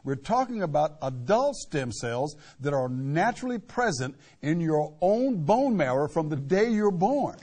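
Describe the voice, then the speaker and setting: A man's voice: a little high, sing-song, measured pace, hardly any pauses, darkish tone, husky. A man co-hosting an infomercial with polished, earnest, scripted presenting. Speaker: infomercial co-host.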